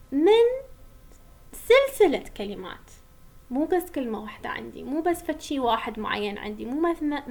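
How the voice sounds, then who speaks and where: High-voiced Iraqi woman lecturing. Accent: Iraqi Arabic. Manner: mixes Arabic and English, explaining step by step. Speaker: university lecturer. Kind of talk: online linguistics lecture.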